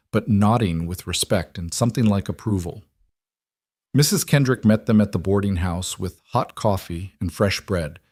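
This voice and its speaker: A man giving a measured, scripted narration of a western story. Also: lowish voice, a little mellow, no echo, clean studio sound.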